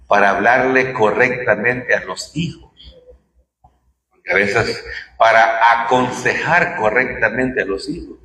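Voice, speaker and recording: A man's voice: medium pitch, bright, forceful tone, slight background noise. A man preaching a sermon in a church, talking conversationally and asking his listeners rhetorical questions. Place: church hall. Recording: echoey church hall.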